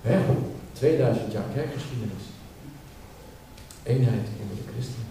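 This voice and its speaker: A man delivers a sermon with steady emphasis, circling back on his own words to drive a point home. His voice is mellow and dark. He is heard from well off the mic, in a large hall full of echo. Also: medium pitch, normal speed, a little hiss or hum. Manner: emphatic, repeats words while building a point. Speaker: preacher. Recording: echoey hall, speaker far from mic.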